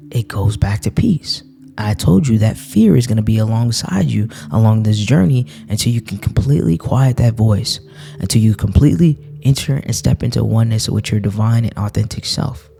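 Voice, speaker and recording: A man's voice: lowish voice, gravelly, dark tone. A man giving an earnest spiritual talk while reading cards, repeating phrases for emphasis.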